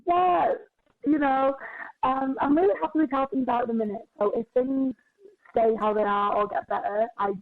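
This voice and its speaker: A twenty-one-year-old woman, a personal trainer, talking in casual podcast chat, chatty and quick with lots of filler words. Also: sits high, steady tone. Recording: tinny phone-like sound.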